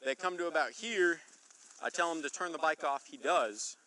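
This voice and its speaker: A man's voice: on the high side, moderate pace, sharp tone. A man working as a police officer, recounting an incident to colleagues outdoors. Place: outdoors by a road and river.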